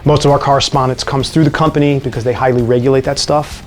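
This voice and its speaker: A man's voice: mid-range voice, fast talker, faint music behind. Wry man with a New York accent. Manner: relaxed, wry and joking. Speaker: musician answering viewer questions. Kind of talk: casual vlog Q&A.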